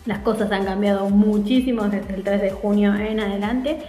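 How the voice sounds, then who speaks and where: A woman in her forties with an Argentine Spanish accent, telling her story to camera in a casual, animated vlog from a small room at home. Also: mid-range voice, normal speed, roomy sound, soft background music, low-quality recording. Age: 40s. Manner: animated, chatty, gestures a lot with her hands. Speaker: vlogger.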